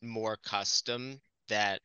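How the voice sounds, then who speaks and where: Halting man with a bright, clear voice. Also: lowish voice, fairly even intonation, no echo. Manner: halting, pausing speech. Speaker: podcast guest. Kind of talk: casual podcast chat.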